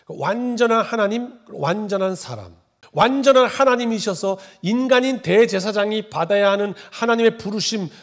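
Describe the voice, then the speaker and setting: A male pastor preaching a Sunday sermon in a conversational way, often putting questions to the congregation. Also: sits high.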